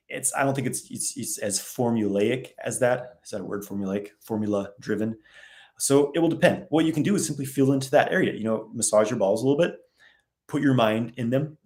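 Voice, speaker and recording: A man hosting a casual live Q&A, reading viewer questions aloud and answering in a relaxed, rambling way. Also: medium pitch. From West.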